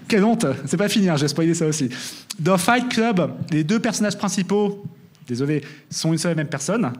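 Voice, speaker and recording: A young man giving a lively conference talk, often checking in with "d'accord?". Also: on the high side, a little fast. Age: young adult. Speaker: conference speaker.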